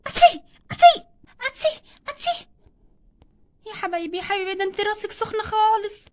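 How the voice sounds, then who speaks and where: A woman's voice: very high-pitched, steady tone. A woman with an Egyptian Arabic accent voicing a bossy, stubborn young doll mother in a toy role-play story. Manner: scolding, quick-tempered.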